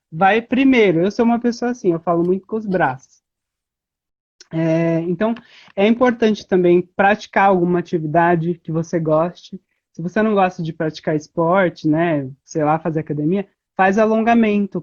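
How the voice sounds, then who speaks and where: Woman guest on a slightly muffled line. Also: on the low side. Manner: relaxed, explanatory, many "né" fillers, laughs easily. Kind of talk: casual interview chat.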